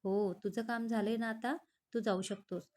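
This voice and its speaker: A woman voicing a young male psychiatrist, calm but curt and protective, in a read-aloud storybook. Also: on the high side, moderate pace, natural voice. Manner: curt, scolding.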